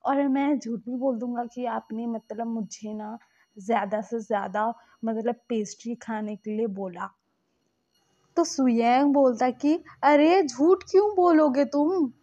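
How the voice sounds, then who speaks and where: A woman's voice: on the high side, unhurried, dark tone. A woman casually retelling a fan-fiction story in a chatty, filler-heavy way. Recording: slightly dull, muffled recording.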